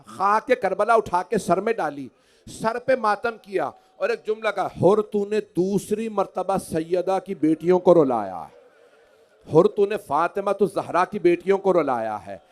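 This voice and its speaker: At a large outdoor gathering, a man leads a mourning majlis with an impassioned sermon recitation. He shifts from hushed, low storytelling to loud, wailing cries as he acts out the dialogue of his story.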